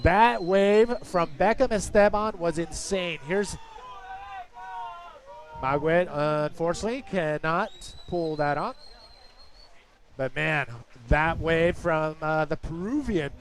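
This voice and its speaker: A man co-hosting an excited live surf broadcast, casual and exclamatory in his delivery. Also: fairly high pitch, slow, a little hiss or hum. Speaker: live sports commentator and broadcast host.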